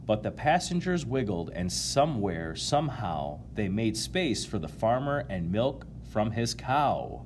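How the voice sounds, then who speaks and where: Taking his time, this chiropractor from Illinois reads a kids' picture book in a lowish, slightly slow voice with few pauses. He's very expressive, addresses the young audience directly, and drops in casual asides, with a bit of noise behind him.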